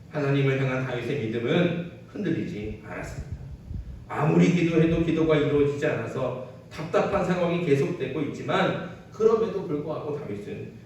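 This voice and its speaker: A male pastor with a fairly high voice, preaching an earnest sermon that presses each point with repetition. He sounds set back from the mic, with strong church-hall echo and faint room noise behind him. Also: far from the mic. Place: church sanctuary.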